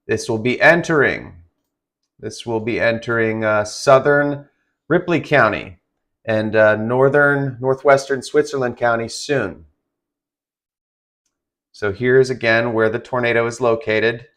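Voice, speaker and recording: A man doing live severe weather commentary, halting and improvised, giving urgent and direct warnings to listeners. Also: medium pitch, a bit bright. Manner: halting, improvised phrasing with repeated restarts. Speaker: live-stream weather broadcaster.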